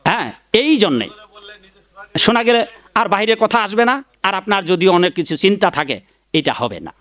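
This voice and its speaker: A man's voice: high-pitched, big pitch swings, moderate pace, fairly bright tone. A man giving a devotional sermon, preaching emphatically, chanting mantras and fondly addressing his listeners while scolding critics. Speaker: Vaishnava preacher giving a Bhagavat discourse.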